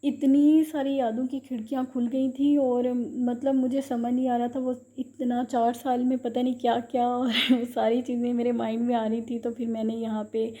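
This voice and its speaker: A woman's voice: fairly high pitch, flat delivery, normal speed, hardly any pauses, warm tone, muffled recording. A young woman from Pakistan narrating her vlog in a casual, chatty and emotional way. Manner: chatty, emotional, recites a ghazal. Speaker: vlogger.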